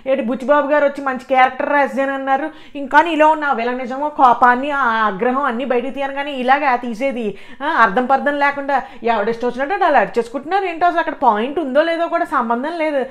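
Woman ranting thru a reality show review, high voice, blunt and scoffing. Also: fast talker, a bit bright. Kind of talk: casual spoken review commentary.

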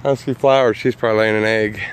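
Quick and smooth, with a lowish, fairly even voice, a man films the chickens in his backyard. His home-video narration is chatty and casual, and he explains things in plain terms.

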